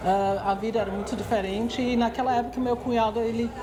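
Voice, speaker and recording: Over music, a guest executive answers interview questions quickly in a fairly high, steady voice. She is a woman in her sixties from England whose second language is Portuguese, and her English accent shows. She keeps hesitating and starting over.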